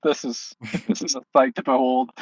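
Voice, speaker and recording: A man's voice: medium pitch, normal speed, breathy edge, no echo, highs cut off. A man co-hosting a podcast, calling in from his car, riffing crudely and laughing. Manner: laughing, rambling, vulgar. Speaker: podcast co-host. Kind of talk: crude casual banter.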